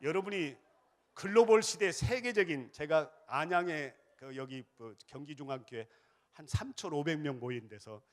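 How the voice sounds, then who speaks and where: A man preaching a revival sermon as pastor, with a Jeolla accent, shouting chants for the congregation to repeat and then dropping into chatty storytelling. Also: a little high, moderate pace. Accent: Jeolla Korean. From Jeolla, South Korea. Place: church sanctuary.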